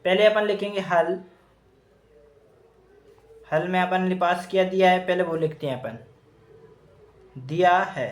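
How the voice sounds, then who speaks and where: A man's voice: high-pitched, a little slow, pauses often. A man working through math problems step by step in an informal lesson, thinking aloud as he calculates. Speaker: math teacher. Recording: echoey room.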